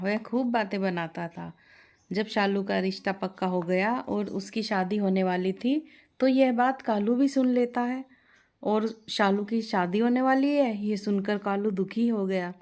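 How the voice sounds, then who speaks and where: A woman's voice: medium pitch, measured pace, darkish tone. A woman narrating a scripted story, addressing listeners as friends.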